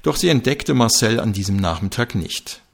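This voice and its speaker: A man reads a crime story aloud in a calm, measured voice. His pitch sits low and has a gravelly edge. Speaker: audiobook narrator.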